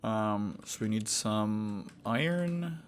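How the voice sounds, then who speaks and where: A young man giving casual gameplay commentary, rambling and halting with many fillers and restarts. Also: on the low side, lively intonation, slight background noise. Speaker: gaming video host.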